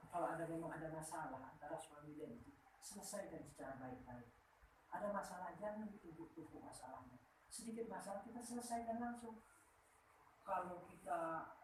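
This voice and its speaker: A woman giving lively, teasing marriage advice at a wedding ceremony, checking in with the couple with a constant "ya?". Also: low voice. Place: marriage hall. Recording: very echoey hall, far from the mic, faint noise.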